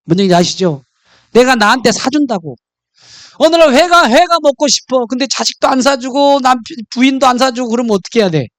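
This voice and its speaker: A man's voice: extremely high pitch, animated, brisk, fairly bright tone, no room sound, studio quality. A man preaching a sermon in church, mixing jokes and stories into his message. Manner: humorous, storytelling. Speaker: pastor.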